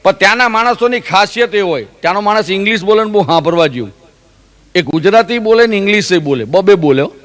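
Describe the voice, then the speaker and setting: A man's voice: sits high, animated, quick pace, fairly bright tone. A man from Gujarat telling stand-up jokes, acting out the characters in his stories with mimicked voices. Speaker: comedian.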